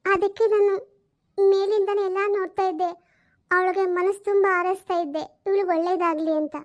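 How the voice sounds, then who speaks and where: A woman voicing the gentle, sorrowful ghost of a dead wife who speaks unseen, pleading slowly and tenderly. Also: very high voice, flat delivery, lo-fi sound. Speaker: spirit speaking unseen to her husband.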